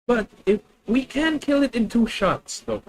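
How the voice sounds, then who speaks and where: His pitch is very high and his intonation lively, though he speaks a little slowly. A Filipino-accented man from the Philippines, he reasons aloud during a streamed card game and chats with viewers, captured on poor audio.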